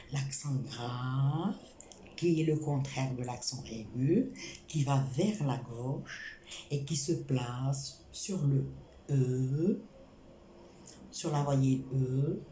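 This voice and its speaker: A woman teaching a French spelling lesson, speaking slowly and repeating each point and example. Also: very deep voice, mellow. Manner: slow, repetitive, spells out examples. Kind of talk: spoken grammar lesson. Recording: echoey room with faint hiss.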